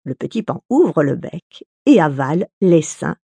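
Woman storyteller, fairy tale read aloud, husky voice, dry close recording. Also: low voice, no echo. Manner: expressive, slow storybook delivery.

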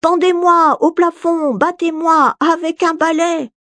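A woman voicing a small, plucky, stubborn cockerel in a high, insistent sing-song chant. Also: expressive, slow, dry recording, full character voice. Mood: shrill demand.

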